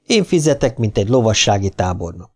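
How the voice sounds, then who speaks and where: A man reading a first-person sports memoir aloud as an audiobook, with dry humor and lively voiced quotes. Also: lowish voice. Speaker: audiobook narrator.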